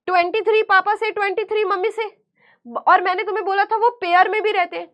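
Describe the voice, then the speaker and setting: A strikingly high, slightly bright voice belongs to a woman teacher leading an online class lecture. She proceeds slowly and deliberately on her own terms, echoing every question and answering it herself with a coaxing tone.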